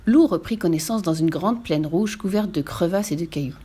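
A woman's voice: on the low side, normal speed, slightly rough. Woman reading a children's story. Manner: lively, expressive, sound-effect words.

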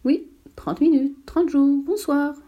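A woman's voice: sits high, steady tone, takes it slowly, muffled recording, pitched above the performer's own voice. A woman reading aloud and voicing a tired, dutiful male lamplighter who complains about his endless work. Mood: weary, resigned.

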